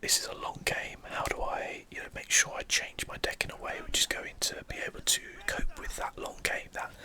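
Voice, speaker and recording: Over gameplay, a gameplay channel host offers ASMR commentary in a near-totally unvoiced whisper that sounds breathy, very bright, and sharply airy. Thoughts are mused aloud and given time, yet the overall delivery is brisk.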